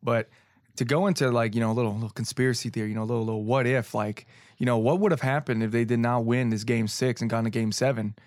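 A young man co-hosting a casual sports talk show, rambling excitedly like an emotional fan. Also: medium pitch, quick pace, dry recording, studio quality.

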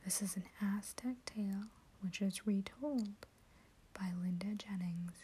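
A woman hosting her own channel, reading a short story aloud in a soft, steady whisper. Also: medium pitch, unhurried, slight background noise.

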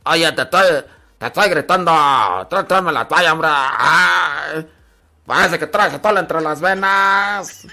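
A man playing an impatient husband who grumbles and barks orders at his wife in a loud, nagging way. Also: high-pitched, lively intonation, brisk.

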